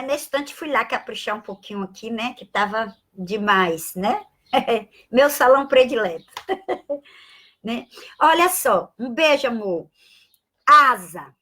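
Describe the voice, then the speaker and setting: A Brazilian woman teaching a live-streamed Portuguese lesson, spelling sounds out slowly and greeting viewers by name with affectionate asides. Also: on the high side, fairly bright tone. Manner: slow, drawn-out spelling of sounds and letters.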